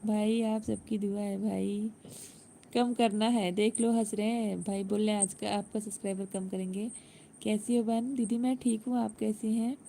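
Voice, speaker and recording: A chatty woman hosts a casual live stream from a phone, greeting viewers by name and laughing often. Her voice is dark and gravelly, with a faint hiss of noise behind it. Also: medium pitch, fairly even intonation, normal speed.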